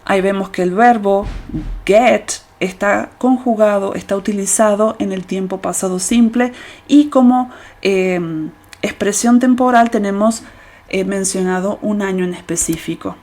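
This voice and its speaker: A woman teaching English grammar in a slow, careful way, pausing often with hesitations. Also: mid-range voice, darkish tone. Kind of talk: explaining grammar to students.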